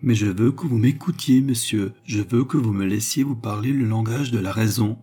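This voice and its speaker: A man reading the lines of a young woman who feigns repentant love, in an earnest, softly dramatic tone. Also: fairly low pitch, moderate pace, husky. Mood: pleading. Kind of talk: audiobook character reading.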